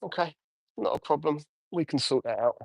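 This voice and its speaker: A man's voice: a little high, animated, normal speed, gravelly, no echo. A man live-streaming as he details a car, chatting casually and answering viewer comments as he works. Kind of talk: casual live-stream chat while working.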